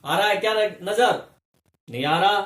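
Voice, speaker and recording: Man, chemistry teacher, high pitch, step-by-step explaining, rhetorical questions, echoey room. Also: measured pace, a bit bright. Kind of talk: classroom lesson.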